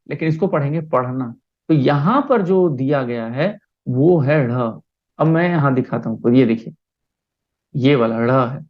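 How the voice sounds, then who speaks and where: A male primary school teacher leads an online lesson, his voice pitched a little high. He talks patiently and keeps pausing to check that the children follow. The sound is dull and lo-fi, like a video call. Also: a little mellow.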